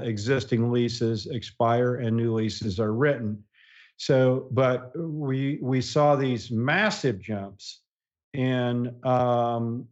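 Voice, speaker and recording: A man walks through economic points in a slow, halting way, stopping often to restart his sentences. His voice sits at an ordinary pitch. The audio sounds dull and lo-fi, like a remote interview feed. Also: darkish tone. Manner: halting, many fillers and restarts. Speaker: economic analyst guest. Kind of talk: podcast interview answers.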